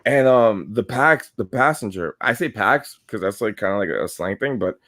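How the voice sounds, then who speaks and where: Low-voiced profane New storyteller. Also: male voice, normal speed. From New York. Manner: profane, rambling, animated storyteller. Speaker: podcast co-host. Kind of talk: casual storytelling chat.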